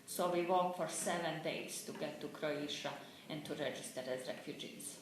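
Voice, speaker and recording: A woman from Bosnia, speaking English with a Bosnian accent, calmly telling her own story as an interviewee. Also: sits low, normal speed. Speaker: interviewee, former refugee. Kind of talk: personal account. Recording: echoey room with background noise.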